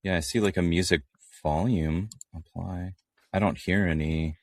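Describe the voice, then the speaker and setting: A man's voice: sits low, fairly even intonation, moderate pace, dry recording. A man co-hosting a casual gaming podcast, chatty and jokey, rambling playfully. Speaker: podcast co-host.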